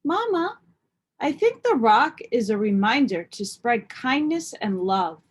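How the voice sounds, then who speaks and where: A woman's voice: fairly high pitch, very animated, measured pace, husky, heavily acted. A woman voicing an eager, kindhearted young schoolgirl with an earnest, pleading manner in a children's storybook read-aloud.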